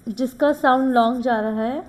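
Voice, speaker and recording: High voice lady teaching shorthand, slow step by step explaining. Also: a little mellow. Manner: explains step by step, mixing English terms into Hindi. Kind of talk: classroom lesson.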